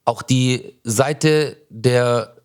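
A man's voice: medium pitch, extremely slow, clean tone. A man with a Swabian accent, a comedian hosting a podcast, chatting casually and acting out dialogue as he tells stories. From Germany. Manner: animated storyteller who acts out dialogue in joke retellings. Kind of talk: casual conversation.

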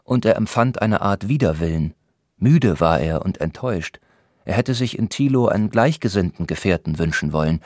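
A man reads a novel aloud in a steady, measured way. His voice is low and deep, and the recording is close and dry with no room sound. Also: dry recording. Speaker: audiobook narrator. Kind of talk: scripted narration of a novel.

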